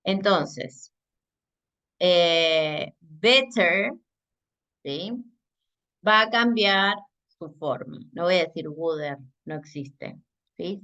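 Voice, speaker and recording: Woman, English teacher, slow careful delivery, bright voice, checks in often. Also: lowish voice, lo-fi sound. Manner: slow, deliberate explanations with frequent checking "¿sí?". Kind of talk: recorded grammar lesson.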